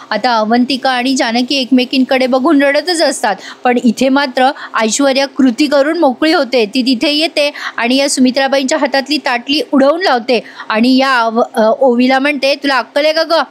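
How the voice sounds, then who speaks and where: A woman narrates a TV serial episode recap as a voice-over, chatting with her viewers directly. Her voice is high and lively in manner. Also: moderate pace, hardly any pauses. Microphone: voice-over recording.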